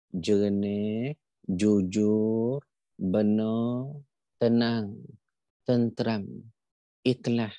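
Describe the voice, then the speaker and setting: A middle-aged man with a Malaysian Malay accent, teaching an animated religious lecture and acting out scenes as he preaches. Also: medium pitch, dry recording. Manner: animated preaching, acts out weeping recitation.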